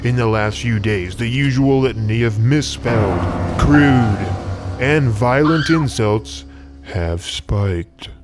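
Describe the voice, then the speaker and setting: Male narrator, mid pitch, hammy theatrical article reading, unhurried, clear music bed underneath. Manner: hammy, theatrical stage-actor delivery. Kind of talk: dramatic reading of a news article. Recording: music behind the voice.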